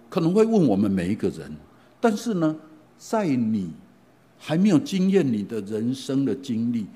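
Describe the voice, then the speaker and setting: A middle-aged man preaching a sermon, retelling stories in an animated way and often asking his listeners questions. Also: mid-range voice. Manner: animated, asks the congregation questions, frequent fillers. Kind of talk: sermon storytelling.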